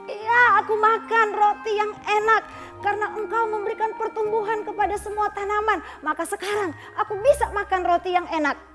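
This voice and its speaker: Woman doing an excited little boy. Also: brisk, music in the background. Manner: eager, high, repeating calls.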